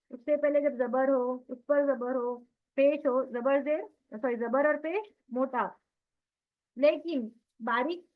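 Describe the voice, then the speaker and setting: High-voiced woman teaching Quran recitation. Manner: explains step by step, often checks with "theek hai"; recites Arabic words slowly and drawn out as examples. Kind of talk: online tajweed lesson. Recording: tinny phone-line sound.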